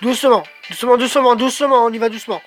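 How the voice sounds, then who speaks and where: A man giving let's play commentary, swearing a lot and exclaiming excitedly as he talks to himself. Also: extremely high pitch, very fast, faint music behind. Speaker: gamer.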